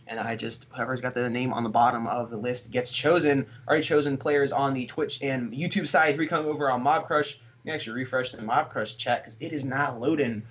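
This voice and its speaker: An American man, a stream moderator, reads out giveaway rules and winners in a chatty, upbeat tone. His audio is a touch dull and lo-fi, as if from a stream call mic. He is neither high nor low in pitch. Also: fairly bright tone. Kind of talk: casual livestream chat.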